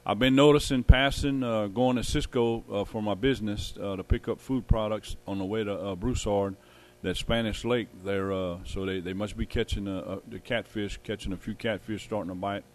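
Man, lowish voice, folksy casual radio co-host. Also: steady tone, moderate pace, few pauses. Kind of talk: casual fishing report chat. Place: radio studio.

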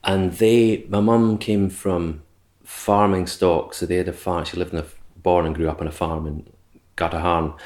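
Deep scottish guy in his 40s chatting on a podcast, lots of ums and restarts, thinking out loud. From Scotland. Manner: hesitant, many fillers and restarts, reflective. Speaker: interview guest. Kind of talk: casual conversation.

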